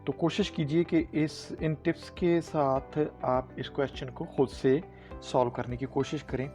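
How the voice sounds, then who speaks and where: Male tutor, slightly high voice, slow careful delivery of exam questions. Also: steady tone, darkish tone, soft background music. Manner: reads questions out slowly, explains in mixed Hindi-English. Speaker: math teacher.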